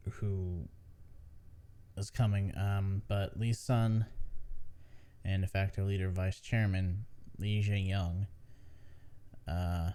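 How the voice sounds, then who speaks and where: A man's voice: low-pitched, mellow, clean tone. A tired man hosting a casual gaming news podcast, rambling with many fillers and restarts. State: tired, yawning. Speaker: podcast host.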